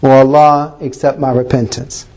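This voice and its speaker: A man voicing a hushed, guilt-stricken man. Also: medium pitch, little pitch movement, moderate pace, pitched below the performer's own voice, natural voice. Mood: remorseful.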